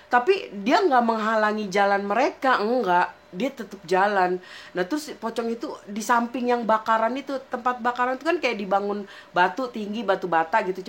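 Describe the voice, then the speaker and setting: A young woman tells a personal ghost story in casual chat, acting out her friends' lines as she goes. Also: mid-range voice. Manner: chatty, acts out friends' lines. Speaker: horror story narrator.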